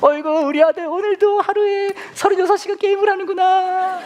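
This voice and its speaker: Man doing a gushing doting dad, high and loud. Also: fairly even intonation, brisk. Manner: exaggerated, doting, sing-song. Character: middle-aged father gushing over his lazy teenage son.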